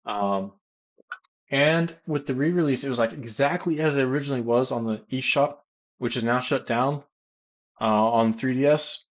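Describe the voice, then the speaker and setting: American guy rambling on a live stream, lots of ums, medium pitch. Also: moderate pace. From United States. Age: adult, works as a teacher. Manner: rambling, many fillers and restarts. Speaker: gaming streamer answering chat questions. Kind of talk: casual live-stream chat.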